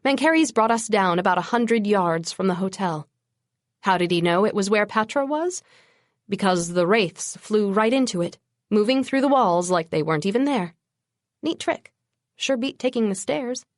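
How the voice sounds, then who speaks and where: A woman narrating an urban fantasy audiobook in the first person, with a wry, brisk storytelling manner. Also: mid-range voice, animated, no echo, clean studio sound.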